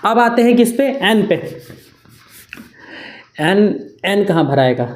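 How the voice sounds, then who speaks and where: A woman gives a patient beginners' grammar lesson, circling back over each rule and checking in with her listeners. Her voice sits at an ordinary middle pitch. The room adds a noticeable echo. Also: sing-song, slow, a little mellow. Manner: repetitive, keeps checking with "na". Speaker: grammar teacher. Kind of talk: classroom lesson.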